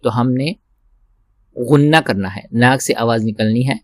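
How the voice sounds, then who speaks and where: A patient male teacher explains recitation at a measured pace and a middling pitch. He repeats each word several times and lifts into long, drawn-out chanted lines. The recording is close and dry. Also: no echo. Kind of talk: step-by-step recitation lesson.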